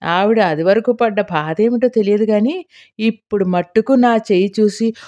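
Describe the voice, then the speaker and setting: A woman's voice: mid-range voice, normal speed, lo-fi sound. A woman narrating a humorous novel as an audiobook, telling it expressively. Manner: expressive, storytelling. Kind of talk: scripted storybook narration.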